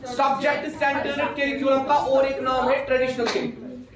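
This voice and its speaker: A man's voice: very high-pitched, little pitch movement, normal speed, over a noisy crowd. A male teacher giving a classroom lecture who keeps calling his students "beta" and repeats each key point as a question to the class. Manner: mixes Hindi with English terms. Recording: echoey classroom.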